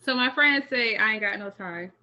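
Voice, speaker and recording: A woman's voice: a little high, moderate pace, bright, forceful tone. A woman from Buffalo, a mental health counselor, speaking as a confident, playful guest over a video call. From Buffalo, New York. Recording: dull lo-fi call audio.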